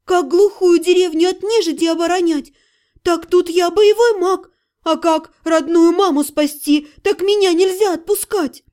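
Woman voicing a sharp-tongued young mage. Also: very high voice, steady tone, a little slow, pitched above the performer's own voice. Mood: indignant. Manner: heated, sarcastic retorts. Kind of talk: audiobook character voice.

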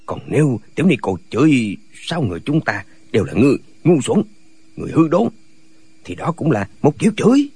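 A gang of foolish male martial hermits squabbles endlessly in a radio drama, as a man acts them out. Their voice is husky and rides up and down with lively swings. They argue in circles, each line picking at the last. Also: mid-range voice, fairly quick, exaggerated voice. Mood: bickering. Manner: bickering, argumentative back-and-forth.

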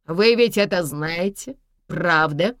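Lady doing a nasty older bad guy, lower voice, sneering and barking, dry close sound. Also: slow, no echo. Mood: menacing. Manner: mocking, threatening, barking. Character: ruthless older man, menacing villain with a revolver.

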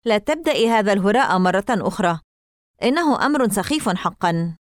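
A woman's voice: mid-range voice, lively intonation, fairly quick, no room sound, studio quality, close to an everyday voice. A woman reading aloud and voicing a mocking, dismissive young boy in an audiobook. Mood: scoffing. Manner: sarcastic, dismissive. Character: scoffing, mocking boy of about twelve.

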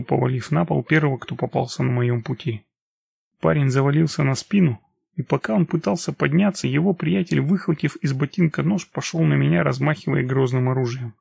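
A man reading a first-person action story as an audiobook narrator, steady and measured. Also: mid-range voice, vocal fry, husky, no echo.

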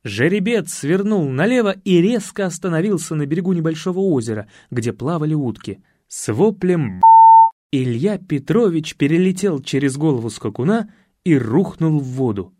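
A man reading a comic story aloud, his voice rising and falling with expression. The recording is close and dry, with a slightly higher than usual pitch. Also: animated, normal speed, dark tone, dry recording. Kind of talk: audiobook narration.

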